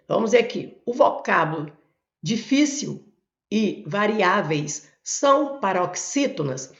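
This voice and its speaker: A woman's voice: medium pitch, vocal fry. A Brazilian woman teacher working step by step through exam questions, pointing things out with frequent "ó" and "olha". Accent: Brazilian Portuguese. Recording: echoey room, dull lo-fi sound.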